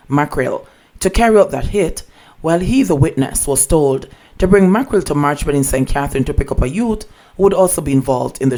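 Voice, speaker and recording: A man reading a scripted news report in a formal, measured manner. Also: on the high side, darkish tone. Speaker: news narrator.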